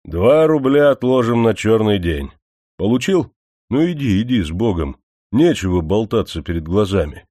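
A man's voice: lowish voice, very animated, normal speed, mellow, dry recording, studio quality. A man reading an audiobook who voices a greedy, hypocritically pious factory manager, scolding and mocking the workers. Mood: scornful. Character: pompous sanctimonious male factory manager, greedy. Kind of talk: audiobook character voice.

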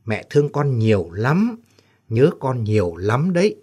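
A man's voice: medium pitch, big pitch swings, a little slow, darkish tone, breathy edge. A man voicing an older mother who speaks tenderly and pleads in a trembling voice, in an audio story.

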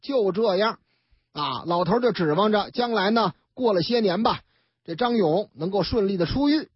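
On a dull, lo-fi radio broadcast with a dry sound, a man with a Beijing accent narrates a crime story in colloquial, chatty fashion, voicing every character himself. His voice is high and husky, with lively intonation and a moderate pace, and there's no echo.

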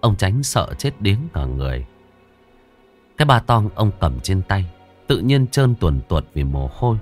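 A man narrating a scripted horror story in a dramatic, expressive way. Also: low voice, measured pace, soft background music.

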